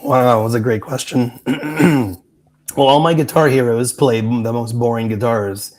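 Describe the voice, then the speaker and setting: A man's voice: mid-range voice, measured pace, darkish tone. A man who has lost his voice chats casually and fills his talk with "like". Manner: chatty, says "like" a lot. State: losing his voice. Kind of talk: casual chat.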